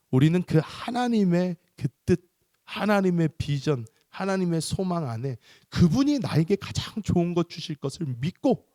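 A middle-aged man preaches with lively, swinging intonation, acting out the story as he goes. His voice sits a little high for a man and sounds dry and close to the mic. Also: no echo. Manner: animated storytelling, acts out voices. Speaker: pastor. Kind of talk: sermon.

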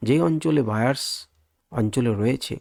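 A man's voice: medium pitch, moderate pace, creaky, mellow, no echo, studio quality. A man giving a lesson on market charts, asking questions and answering them himself as he walks through each point. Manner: explanatory, asks and answers his own questions. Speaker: stock market analyst.

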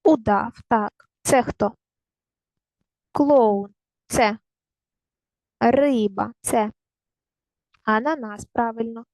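A woman teaching a recorded primary school lesson, giving clear, patient step-by-step instructions to young children. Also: on the high side, drawn-out words, pauses often, darkish tone, no echo, poor audio.

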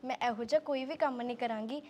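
A young actress playing an earnest village daughter who begs to keep studying, speaking in a Punjabi accent. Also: female voice, high-pitched, fast talker, a little mellow, slight background noise, close to an everyday voice. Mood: imploring. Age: young adult. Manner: earnest, imploring. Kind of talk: village drama acting.

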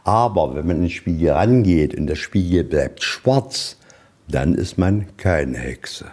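A male museum guide tells stories inside a museum in an informal, folksy way, often asking questions and then answering them himself. His voice sits low and is animated and slightly mellow, with a pace that runs a little slow. It is informal guided-tour storytelling.

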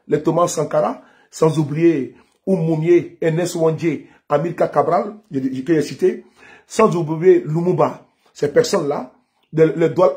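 Man, activist vlogger, defiant declamatory monologue, slightly high voice, recorded at home. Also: darkish tone. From Côte d'Ivoire. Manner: fiery declamatory, repeats phrases, frequent "n'est-ce pas". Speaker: political activist. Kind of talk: political monologue vlog.

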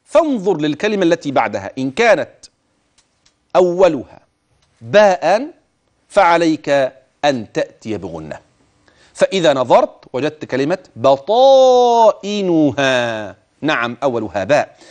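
Man teaching Quran recitation, lively pitch. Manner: addresses the listener directly, urging attention; stretches words slowly to demonstrate pronunciation. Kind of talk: tajweed lesson with recited examples.

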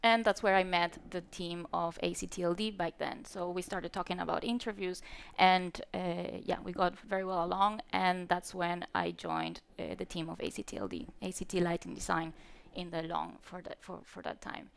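Hesitant woman presenter with a creaky voice. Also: lowish voice, moderate pace. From Venezuela. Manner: hesitant, many fillers and restarts. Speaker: lighting designer giving a talk. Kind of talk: conference presentation. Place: stage at a lighting industry event. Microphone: handheld mic.

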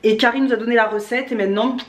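A woman's voice: a little high, fairly even intonation, rapid-fire. A woman in her thirties chatting casually as she cooks at home and explaining each step of a recipe. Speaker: cooking vlogger. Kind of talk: casual cooking vlog. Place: home kitchen, indoors. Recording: echoey kitchen, music behind.

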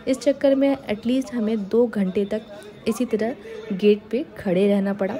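A woman's voice: fairly high pitch, steady tone, a little slow, warm tone. A young woman narrating her travel vlog in a chatty voice-over, often slipping English phrases into her talk. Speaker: travel vlogger.

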